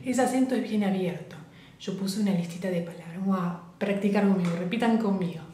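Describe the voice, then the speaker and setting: A woman's voice: mid-range voice, warm tone, slight background noise. Woman, patient French teacher drilling words, very echoey room. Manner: patient, repeats words slowly for learners. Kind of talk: online language lesson.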